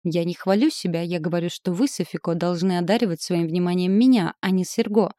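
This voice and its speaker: A woman's voice: on the low side, a little fast, dry recording, clean studio sound, lightly acted. A woman reading a proud, hot-tempered male suitor. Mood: boastful. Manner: boastful, hoarse, forceful declarations. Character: passionate, arrogant young male suitor, turning menacing. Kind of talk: audiobook character reading.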